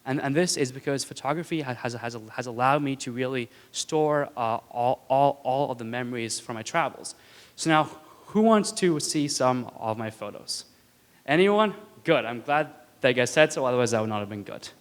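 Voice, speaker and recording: Speaking into a stage mic in an auditorium, a student in his twenties from India delivers a prepared talk, his stutter snagging on words and syllables as he presses on, earnest and lightly joking with the crowd. His medium-pitched voice is smooth, resonant and animated at a normal pace, trailed by long hall reverb.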